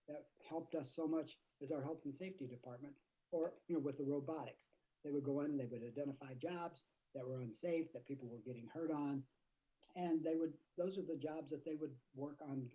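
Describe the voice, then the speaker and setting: A man's voice: mid-range voice, warm tone, highs cut off. A man in his fifties, a retired auto worker, speaking earnestly and plainly in a video testimony.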